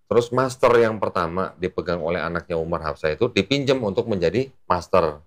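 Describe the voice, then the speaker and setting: A man's voice: low voice, expressive, a little fast. A man, an Islamic preacher explaining at length in casual talk, patient and full of fillers.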